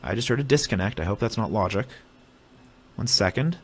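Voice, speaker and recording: A young man casually explaining a technical topic on a stream, halting with restarts as he draws diagrams. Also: on the low side, lively intonation, breathy edge. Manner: halting, many fillers and restarts while drawing. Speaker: streamer explaining hardware hacking.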